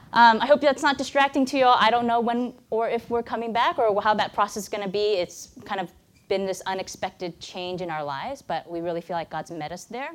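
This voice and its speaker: An American woman in her thirties whose native language is Mandarin speaks as a guest at a church, sharing her personal testimony. Her medium-pitched delivery is earnest and conversational.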